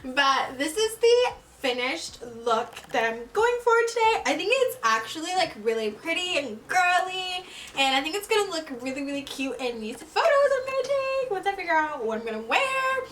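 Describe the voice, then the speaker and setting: Chatty young woman, high bright voice. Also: very animated, normal speed, slight background noise, rough recording. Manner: chatty, loose, with slang and fillers. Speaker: beauty vlogger. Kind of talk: casual get-ready-with-me vlog.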